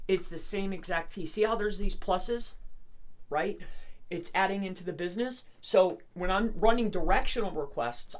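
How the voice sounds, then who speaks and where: A man hosting a casual live tutorial, chatting on nonstop and informally addressing his viewers as he goes. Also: sits high. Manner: rambling, chatty, talking on nonstop. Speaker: host of an SEO tutorial livestream.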